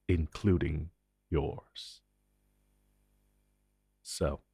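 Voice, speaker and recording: Grim and menacing, a man with a low, husky, exaggerated voice plays an ancient and powerful supernatural being, possessive and serving as a grim secret-agency superior. He delivers an intense dramatic monologue to the listener, gravely commanding with dramatic pauses, in a dry studio-quality recording.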